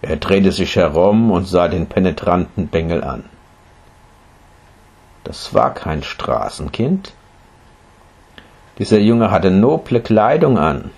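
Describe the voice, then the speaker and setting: A man reads a story aloud with expressive, dramatic delivery. His voice is low and husky, and his pitch swings widely as he builds each scene. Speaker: narrator. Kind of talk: scripted storytelling reading.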